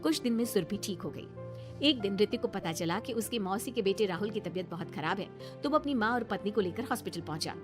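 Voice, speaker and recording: A woman's voice: mid-range voice, expressive, brisk, long pauses, music in the background. A woman narrating a cartoon moral story in a plain storytelling manner.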